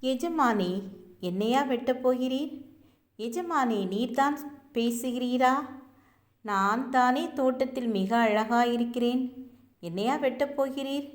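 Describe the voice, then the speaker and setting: A woman's voice: medium pitch, measured pace, echoey room, lightly acted. A woman voicing a humble, pleading bamboo plant. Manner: soft, pleading.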